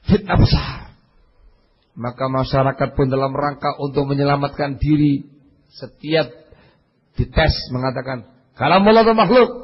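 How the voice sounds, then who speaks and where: Male preacher, raised voice, husky; animated storyteller, dull lo-fi recording. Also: a little high, in a large hall. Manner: animated storytelling with big swings between loud and murmured asides. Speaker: Islamic preacher. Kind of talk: religious lecture.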